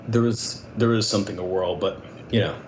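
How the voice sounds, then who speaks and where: A man chatting casually as a podcast co-host in a halting, dry, bantering way, sounding as if he is inside a car wash. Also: low-pitched, steady tone. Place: echoey room with whirring background noise. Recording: roomy, dull, noisy whirring like a car wash.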